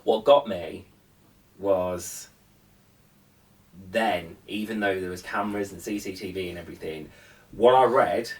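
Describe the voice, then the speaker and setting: A man hosts a podcast interview in a blunt, plain-spoken way, saying "ain't" and calling things as he sees them. His voice sits lowish and a little away from the microphone. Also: a little slow, pauses often, distant mic, low-quality recording. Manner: blunt, conversational, drops "ain't". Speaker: podcast host. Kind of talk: casual interview.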